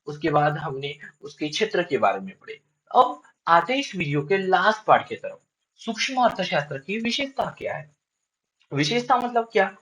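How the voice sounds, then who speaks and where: A man's voice: normal speed, low-quality recording. A male teacher giving a classroom lecture, who keeps asking questions and answering them himself and repeats key lines for his students. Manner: lively up-and-down pitch.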